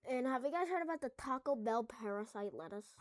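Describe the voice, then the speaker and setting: A woman's voice: fairly high pitch, animated, brisk, no room sound. A woman at home making a casual coding tutorial, rambling through jokey asides as she works. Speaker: tutorial maker.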